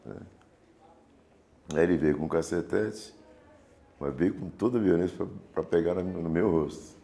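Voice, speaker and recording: A man's voice: sits low, moderate pace, gravelly, warm tone. A man, telling his memories in an interview and acting out the voices of people in the story. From Brazil. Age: 70s.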